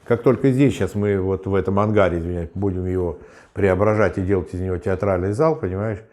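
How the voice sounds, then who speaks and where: A man with a very deep voice talks fast and with enthusiasm. He speaks in a plain interview setting. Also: fairly even intonation, a little mellow.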